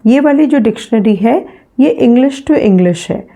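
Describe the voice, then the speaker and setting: A middle-aged woman teacher with a soft, mellow voice that sits a little high. She explains English sounds patiently in Hindi, with an Indian English accent, and says example words again slowly. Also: animated, gravelly. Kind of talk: phonetics revision lesson.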